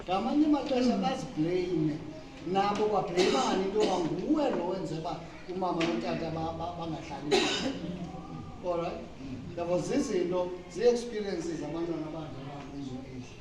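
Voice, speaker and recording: A woman with a Xhosa South African accent teaches informally in a very reverberant room, heard at some distance from the microphone. Her pitch is mid-range, and she explains point by point with short check-in questions. Clear background noise sits behind her voice. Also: animated, normal speed. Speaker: speaker leading a talk. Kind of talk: informal teaching talk, code-switching with English. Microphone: distant from the speaker. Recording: very echoey room, distant mic, noisy.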